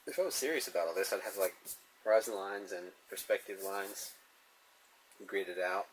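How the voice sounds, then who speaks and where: An artist drawing on camera talks casually about comics and his sketch, musing and chuckling to himself as he works. His voice sits low at a normal speed, and the recording is rough with slight background noise.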